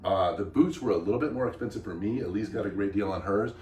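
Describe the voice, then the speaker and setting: A man's voice: lowish voice, fast talker, darkish tone, recorded from a distance. A man hosting a vlog, explaining things in casual chat with an enthusiastic, emphatic manner. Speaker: vlog host. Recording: roomy echo.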